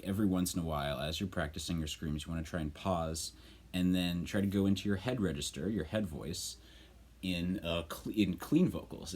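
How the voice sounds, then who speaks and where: Low-voiced man giving a casual tutorial. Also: a little mellow. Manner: informal, rambling, emphatic with occasional swearing. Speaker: vocal coach, screamer.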